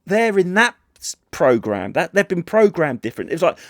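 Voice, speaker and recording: A man's voice: sits high, big pitch swings, a little fast, no echo, clean studio sound. A man chatting casually on a podcast, rambling and swearing, often trailing off mid-sentence. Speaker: podcast host. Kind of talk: casual chat.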